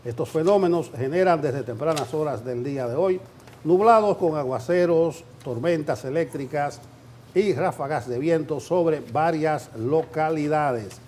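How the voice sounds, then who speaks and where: Higher-voiced man reading the weather. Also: a little slow, a little mellow. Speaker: news show co-host giving the weather. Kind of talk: broadcast weather report. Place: TV studio set. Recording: light background noise.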